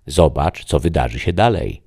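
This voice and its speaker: A man voicing a calm, all-knowing disembodied voice in an audiobook fairy tale, speaking slowly and solemnly, husky with vocal fry. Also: rumbling low, heavily acted.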